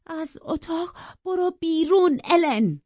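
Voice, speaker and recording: A woman voicing a spoilt young woman in an audiobook, shrill and close to tears, her voice pushed high and loud. The recording is dry and a bit dull, with no room sound. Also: no echo, lightly acted. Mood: insistent. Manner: shrill, shouting and pleading.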